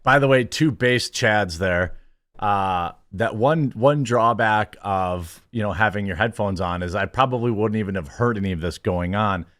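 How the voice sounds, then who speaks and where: A man hosting a show, giving casual reaction commentary in a rambling, halting, conversational way. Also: fairly low pitch, a bit bright, a little hiss or hum.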